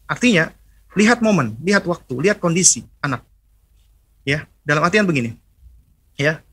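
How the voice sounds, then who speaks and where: A middle-aged man preaches a religious lecture on parenting in a bright, somewhat high voice. His tone is husky, and he teaches by asking questions and answering them himself, slipping into short lines of mother and child. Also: lively intonation, normal speed, dry recording. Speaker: Islamic preacher.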